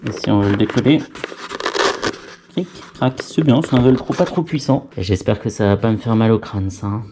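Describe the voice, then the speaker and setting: A man's voice: fairly low pitch, moderate pace, noisy background. A man talking casually to himself as he fits a headset into a helmet, muttering and joking at his own expense. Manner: chatty, muttering to himself, self-mocking. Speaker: vlogger fitting a helmet intercom. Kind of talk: casual talk to camera while working.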